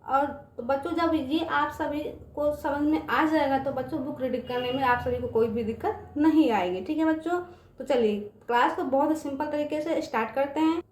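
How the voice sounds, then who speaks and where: Woman, high voice, patient teacher, repeats for children, echoey room. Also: normal speed, a little mellow. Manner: patient, repetitive, often asks "समझ में आ गया बच्चों?". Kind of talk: online English lesson for children.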